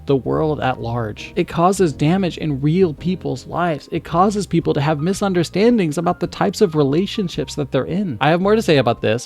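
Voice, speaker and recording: A man's voice: on the high side, creaky, a little mellow. A man giving an earnest film critique commentary, with sarcastic asides. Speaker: video essayist.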